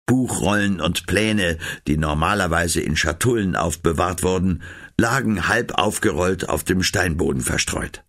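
Deep, husky male storyteller. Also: measured pace. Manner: expressive, lively reading. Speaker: narrator. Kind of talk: storybook narration.

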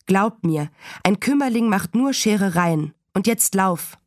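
A woman voicing a farmer father who talks softly, slowly and gently. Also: medium pitch, expressive, no echo, studio quality, natural voice. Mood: gentle. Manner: soft, slow and gentle.

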